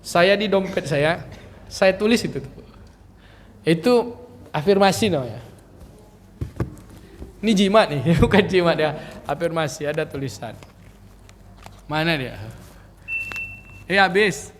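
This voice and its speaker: A male preacher teaches in a high voice, joking and talking straight to his female audience. His voice echoes with long reverb through a large hall with faint ambience underneath. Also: unhurried, pauses often, slight background noise. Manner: chatty, joking, addresses the women listeners directly. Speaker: religious teacher. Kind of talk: religious study lecture.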